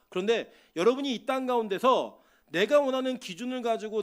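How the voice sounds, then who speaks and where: A middle-aged male pastor preaching a sermon from the pulpit of a church, switching between loud exhortation and quiet asides. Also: sits high.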